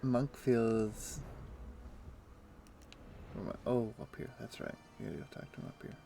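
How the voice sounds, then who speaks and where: A man with a medium-pitched voice and some vocal fry speaks at normal speed while streaming a video game, chatting casually and thinking out loud with many fillers. The recording has a little hiss or hum, with faint, soft game music in the background.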